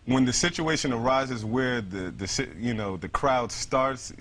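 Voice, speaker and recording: A man's voice: mid-range voice, unhurried, a bit bright, slight background noise. A man from New York City answering interview questions as a military veteran, earnest and conversational, often repeating himself. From United States, New York City. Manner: earnest, repeats himself, frequent "you know".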